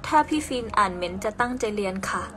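A woman's voice: medium pitch, expressive, fast talker, bright, forceful tone, faint music behind. A young woman chatting casually on a live stream, reading out viewer comments while packing orders, playful and talkative.

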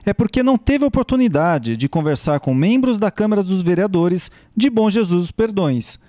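A man's voice: sits high, animated, normal speed, dark tone. A man reading scripted news narration in an upbeat reporting manner.

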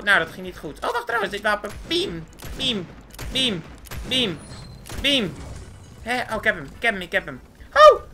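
A performer voicing a squeaky, hyper, cartoonish young male gamer, chattering boastfully through gameplay commentary. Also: heavily acted. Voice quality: squeaky, swooping, with sudden high squeals. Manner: excitable, boastful, chatters nonstop at the screen. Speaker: game commentator.

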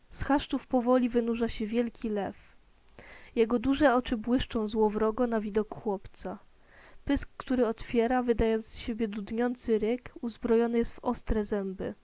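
A woman educator reading a children's story aloud in a calm, expressive storytelling manner. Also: a little high, no room sound.

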